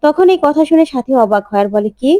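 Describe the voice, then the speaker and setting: High-voiced woman retelling a TV serial. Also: fast talker, no room sound. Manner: lively retelling, switching into characters' voices. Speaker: serial recap narrator. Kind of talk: storytelling recap acting out each character's lines.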